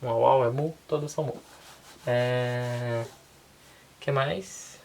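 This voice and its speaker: Her voice rumbling low over a slight hiss or hum, a Brazilian Portuguese–accented woman teaches a laid-back online language lesson. Taking her time, this language teacher frequently checks in with the people listening.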